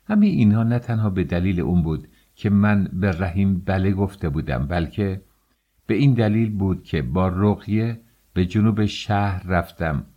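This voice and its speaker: A man narrating a novel as an audiobook in a measured, expressive reading. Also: low-pitched, muffled recording.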